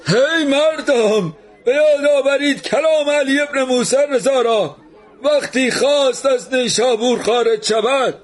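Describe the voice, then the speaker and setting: A man's voice: very high-pitched, voice pushed up. A man voicing a solemn old man who declaims to a crowd.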